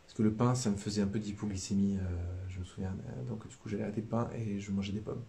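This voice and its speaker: A man's voice: fairly low pitch, steady tone, fast talker, gravelly, mellow, slight background noise. A man with a Southern French accent giving a casual spiritual talk, rambling and hesitant, full of fillers and repeated words. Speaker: religious brother giving a live talk.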